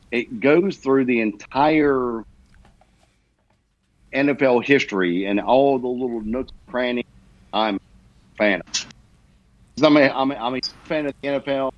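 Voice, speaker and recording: Guy on a phone call, audio glitchy and dropping out, dry sound, kinda halting. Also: mid-range voice, dry recording. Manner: halting, repeats words while gathering his thoughts. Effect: glitchy audio that keeps cutting out. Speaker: podcast co-host. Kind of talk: casual chat over a call. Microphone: phone on a remote call.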